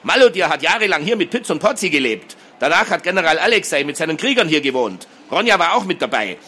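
A man's voice: mid-range voice, brisk, pushed and bright, breathy edge. A man reading a fantasy story and voicing a bold, mocking teenage boy who brushes off his sister's fears. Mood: scornful brusque. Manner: brusque, scornful.

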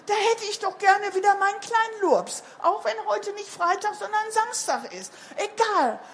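A fretful, loving storybook mother with a high, gentle voice, as a woman reading aloud puts her on. She speaks slowly and softly, fussing tenderly over her child. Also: expressive, slight background noise. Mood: worried. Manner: soft and tender, worried.

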